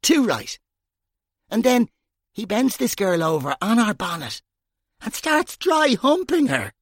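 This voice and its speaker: A man's voice: high voice, sing-song, unhurried, a bit bright, no echo, clean studio sound, pitched above the performer's own voice, exaggerated voice. A male narrator voicing a brash, bawdy young woman detective who tells crude stories to her colleagues. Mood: gleeful.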